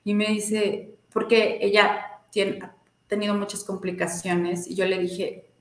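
A woman, telling a personal story in a casual, animated way and acting out the voices of the people she quotes. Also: medium pitch, a little slow, echoey room. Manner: animated, acts out quoted dialogue. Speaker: guest, student of a healing method.

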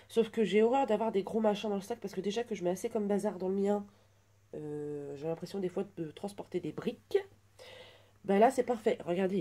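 Gushing woman in her twenties. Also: mid-range voice. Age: 20s. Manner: gushing, many soft exclamations. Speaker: vlogger unboxing a birthday gift. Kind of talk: casual unboxing chat.

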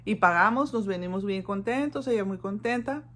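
Woman, mother vlogger, animated storytelling, mid-pitched voice. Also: normal speed. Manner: animated, warm retelling with quoted dialogue. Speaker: mother vlogging about her daughter. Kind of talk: casual storytelling vlog.

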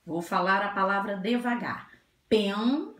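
Woman teacher, unhurried and gentle with small children, recorded in a roomy echoing space. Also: medium pitch, animated. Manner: slow, drawn-out, gentle teacher talk with diminutives. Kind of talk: slow grammar lesson for children. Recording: echoey room.

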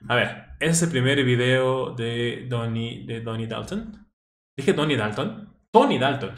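A language teacher hosts his own channel, offering chatty, enthusiastic educational commentary with frequent restarts. His medium-pitched voice is expressive and fairly bright, at a measured pace, and it sounds reverberant.

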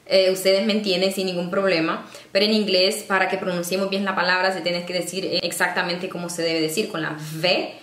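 A woman presenting a casual teaching vlog, patiently explaining and slowing down to sound out example words. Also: lowish voice, level tone, fairly bright tone. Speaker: online English-learning presenter. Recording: echoey room.

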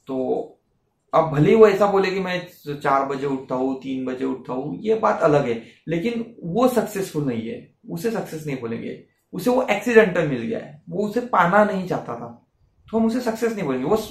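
A man's voice: fairly high pitch, creaky. Earnest Hindi-speaking man in echoey room. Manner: earnest, explaining with repeated examples. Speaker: self-help YouTuber. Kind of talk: motivational talk to camera.

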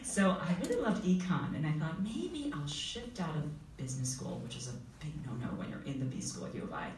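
A woman's voice: low-pitched, sing-song, brisk, a little mellow. A woman from Uganda, a panelist telling her life story in an upbeat way, recorded in a school hall. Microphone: table mic heard from far camera. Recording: echoey hall from far off, faint noise.

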